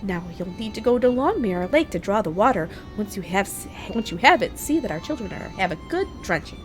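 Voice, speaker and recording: A playful, whimsical pixie from a fantasy game, acted out by a woman. She speaks in an airy, theatrical way with very animated intonation, lofty and teasing. Faint music plays underneath. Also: fairly quick, natural voice. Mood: pleading, whimsical. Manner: airy, theatrical, addresses listeners as lowly mortals.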